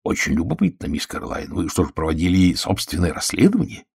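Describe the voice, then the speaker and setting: A man's voice: deep voice, huge pitch swings, fast, gravelly, breathy edge, full character voice. A man reading an audiobook, voicing a bluff, jovial older colonel with a teasing manner.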